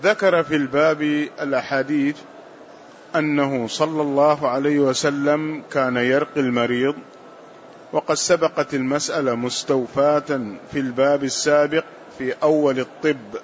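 A man reading classical religious texts aloud in a lesson, in a measured, formal way. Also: fairly high pitch, fairly even intonation, highs cut off, a little hiss or hum. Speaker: student reading hadith text aloud. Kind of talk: recitation of classical hadith text.

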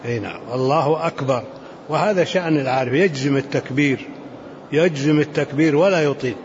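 A man, a sheikh giving unhurried commentary in a religious lesson, dropping into softer asides. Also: a little high. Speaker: sheikh commenting on a fiqh text. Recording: muffled lo-fi recording with faint hiss.

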